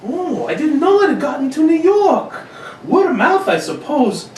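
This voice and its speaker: A woman's voice: sits high, very animated, moderate pace, darkish tone. A woman playing a breezy, gossipy housewife and old friend in a radio drama. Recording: roomy, distant mic, faint noise.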